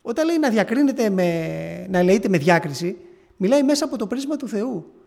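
A man preaching, retelling a story in an earnest, halting way with frequent restarts. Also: high voice, big pitch swings, vocal fry, darkish tone. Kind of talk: sermon testimony.

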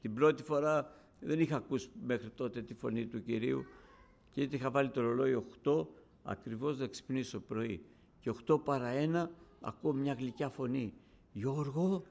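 A man delivering a sermon with a gravelly, rough-edged voice. He preaches fervently, dropping low and quiet, then rising to loud, passionate calls to his listeners. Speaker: radio broadcaster.

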